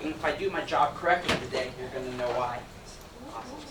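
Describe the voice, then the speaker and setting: Young guy from ecuador doing a chatty talk, bit high voice, echoey hall, mic kinda far. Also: expressive, quick pace. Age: young adult. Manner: upbeat, conversational, jokey. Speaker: student presenter. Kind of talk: presentation talk. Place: event hall with audience. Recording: roomy, distant mic, noisy.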